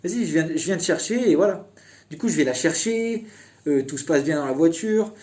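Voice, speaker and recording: Young guy rambling thru a story, kinda high voice, warm and mellow. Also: animated, fairly quick. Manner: chatty, meandering storytelling. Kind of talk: casual storytime chat.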